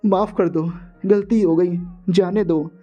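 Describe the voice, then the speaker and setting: A man's voice: high-pitched, fairly even intonation, slow, highs cut off, soft background music. A man playing a flirty reformed villain. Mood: pleading, casual. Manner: casual, pleading, joking.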